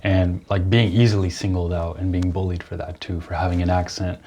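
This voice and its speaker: A calm young man, originally from Nepal, reflecting thoughtfully as a guest in a podcast interview. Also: low voice, fairly quick, slight background noise. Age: young adult. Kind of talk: casual interview.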